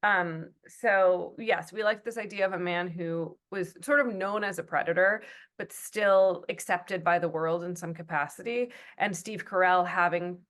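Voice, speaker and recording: A woman's voice: lowish voice, measured pace, a bit bright. A woman TV writer talking through her work in an interview, thoughtful, with fillers and restarts. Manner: thoughtful, many fillers and restarts, acts out quotes. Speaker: TV writer and producer, guest. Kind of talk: conversational interview.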